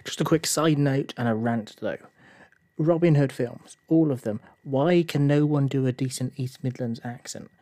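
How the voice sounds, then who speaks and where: A man's voice: mid-range voice, moderate pace, mellow, dry recording. A man hosting a solo film review podcast, talking casually with frequent hesitations and fillers, sometimes working up into a heated rant. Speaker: podcast host.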